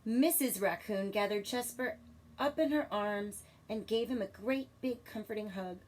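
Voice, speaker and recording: A woman teacher reading a children's story expressively and pausing to ask questions in a deliberate, instructive manner. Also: mid-range voice, a little mellow, a little hiss or hum, low-quality recording.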